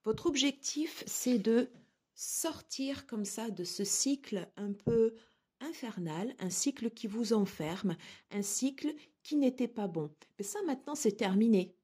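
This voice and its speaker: A woman giving a tarot card reading to her viewers, speaking gently and reassuringly with frequent hesitations. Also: on the high side, animated, unhurried, slightly rough. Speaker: tarot reader.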